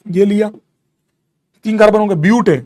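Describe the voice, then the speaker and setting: High-voiced man teaching chemistry casually. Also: fairly even intonation, normal speed, darkish tone. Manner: casual, encouraging, calls students bro. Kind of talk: classroom lecture.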